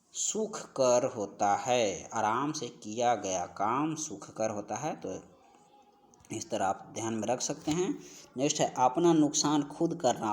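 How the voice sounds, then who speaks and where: A Hindi grammar teacher, a man with a medium-pitched, darkish voice, leads an exam-prep lesson. He works through practice questions instructively, repeating both questions and answers so they stick.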